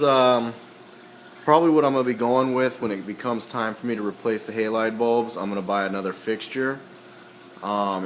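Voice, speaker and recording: An aquarium hobbyist walks through his equipment in a casual, halting manner, filling his talk with ums and frequent throat clearing. His voice is slightly hoarse and on the low side, and the recording sounds roomy with a little hiss or hum.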